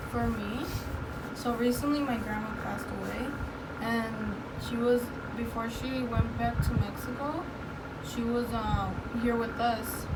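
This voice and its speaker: Woman, casual storytelling, higher pitch, filler-heavy conversational delivery, very loud background noise. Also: fairly even intonation, a little slow. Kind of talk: casual storytelling chat with friends. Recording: noisy, distant mic, background rumble.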